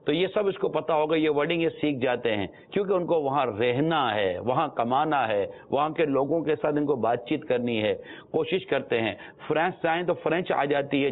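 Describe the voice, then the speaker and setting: A man from Pakistan giving an earnest religious talk as a preacher, often repeating his phrases to drive a point home. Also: fairly high pitch. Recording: tinny phone-like sound.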